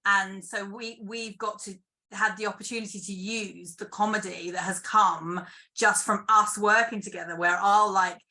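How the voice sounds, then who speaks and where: A woman's voice: mid-range voice, fairly even intonation, normal speed, sharp tone. A British woman screenwriter chatting casually in an interview over a video call, thinking aloud with lots of fillers. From United Kingdom. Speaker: guest screenwriter.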